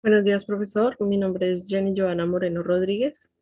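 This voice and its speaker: A woman's voice: medium pitch, little pitch movement, brisk, no echo. A 25-year-old woman politely introducing herself in class. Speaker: student. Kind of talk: formal self-introduction. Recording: dull, dry lo-fi audio.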